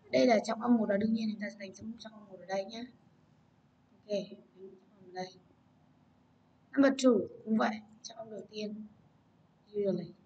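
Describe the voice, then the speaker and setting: A woman's voice: fairly high pitch, a little mellow, breathy edge, highs cut off. A woman teaching an English lesson to children, explaining patiently and prompting her students.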